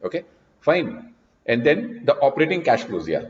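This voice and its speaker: A man's voice: medium pitch, sing-song, normal speed. A man teaching an online class, explaining patiently with many "you know" fillers. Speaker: lecturer. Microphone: video call. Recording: dull video-call audio, echoey room.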